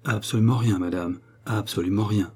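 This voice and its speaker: A stiff, flustered captain answering in short, formal replies, as the narrator of an audiobook plays him. His voice is mellow and slightly husky, close to the reader's own. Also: lowish voice, steady tone, normal speed.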